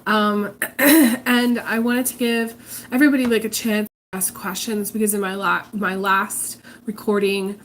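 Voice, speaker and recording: In a steady, fairly bright voice of medium pitch, a woman who runs a channel as a psychic reader hosts a relaxed live stream at a measured pace. She is congested while getting over an illness, and her talk is hesitant, peppered with ums and restarts, with slight background noise.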